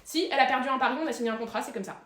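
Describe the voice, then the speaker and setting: A woman's voice: high voice, racing, fairly bright tone, slight background noise. A woman playing a tipsy, passive-aggressive female guest rambling through a wedding speech. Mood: bitter. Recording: echoey room.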